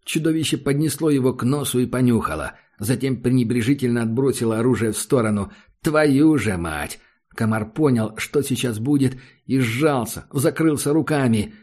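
A man narrating an audiobook in a steady, dramatic storytelling manner. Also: mid-range voice, husky. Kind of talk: scripted narration.

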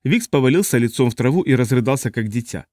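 Guy narrating an audiobook, even and measured, dead dry close mic. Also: mid-range voice, no room sound. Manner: measured, steady storytelling. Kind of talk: scripted narration.

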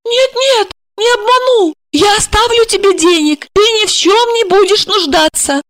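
A woman's voice: moderate pace, fairly bright tone, no room sound. A woman reading an audiobook and voicing a young émigré woman who pleads anxiously and tearfully. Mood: pleading. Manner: high, anxious, imploring.

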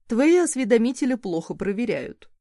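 A woman reading an audiobook, voicing a mocking, commanding high-born man. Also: expressive, moderate pace, darkish tone, dry recording, studio quality, lightly acted.

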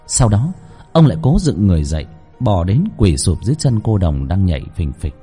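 A man's voice: sits low, big pitch swings, brisk, mellow, slightly rough, faint music behind. A man narrating a horror story in a dramatic, suspenseful way.

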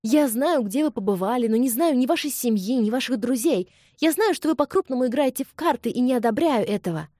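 A woman reading the part of a proud young English lady who exclaims in a high-strung voice. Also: lively intonation, fairly quick, few pauses, dark tone, no echo, clean studio sound. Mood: flustered.

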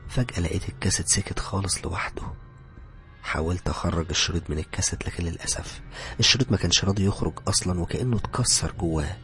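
An Egyptian man tells a horror story at a quick pace, his voice sitting fairly low. He keeps the telling tense, sometimes sinking to a whisper, with soft music playing faintly behind him. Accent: Egyptian Arabic. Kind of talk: scripted first-person horror narration.

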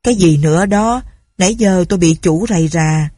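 A harried older male servant in a storybook, grumbling and easily startled, as a woman reader puts him on. He sounds low and husky. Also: normal speed, warm tone, no echo, studio quality, natural voice.

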